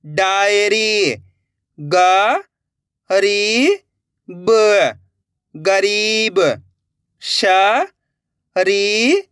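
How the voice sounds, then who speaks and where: A man's voice: sits high, pushed and bright, no room sound, studio quality. A man teaching beginners to read, sounding out syllables one at a time, blending them into words, and encouraging the viewers directly. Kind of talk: beginner reading lesson.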